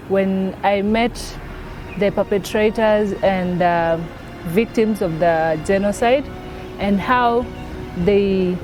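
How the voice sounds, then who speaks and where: A woman's voice: mid-range voice, low-quality recording. Woman, from south sudan, reflective, interview, music bed. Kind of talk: interview testimony.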